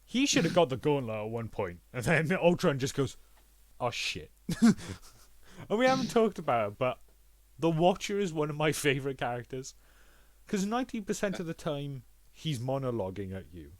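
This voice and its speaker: Male podcast co-host, animated and sweary, dry mic. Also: on the high side, moderate pace, no room sound. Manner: excitable, swears, acts out characters' lines. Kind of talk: casual chat.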